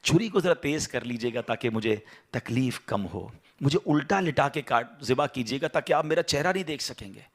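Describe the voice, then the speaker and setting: A man doing a gentle young son, pleading softly. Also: medium pitch, expressive, hardly any pauses, pitched below the performer's own voice. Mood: tender.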